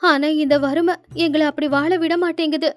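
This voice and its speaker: A devoted young wife from a storybook, gentle and pleading as she cares for her struggling husband, played by a woman narrator. The voice is high-pitched, and faint music plays behind it. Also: steady tone, moderate pace, natural voice. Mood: worried. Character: caring, devoted young wife of a poor fisherman.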